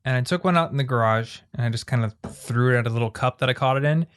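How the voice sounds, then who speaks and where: A man's voice: medium pitch, fast talker, fairly bright tone, clean tone. A man in his twenties hosting a podcast, telling a story in a loose, chatty way. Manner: chatty, storytelling, trailing off into asides. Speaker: podcast host. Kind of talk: casual chat.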